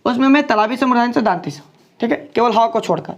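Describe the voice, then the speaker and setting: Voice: medium pitch, animated, fast talker, lo-fi sound. A teacher giving a grammar lesson, drilling points with repeated questions and frequent checks for understanding. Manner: repetitive, drills with questions and "ठीक है".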